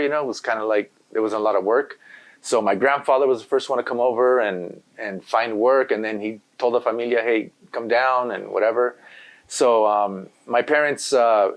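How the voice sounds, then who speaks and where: A fairly low-pitched man from Los Angeles, Spanish his first language, appears as a graffiti artist guest in a casual interview. His talk is relaxed and meandering, peppered with "you know."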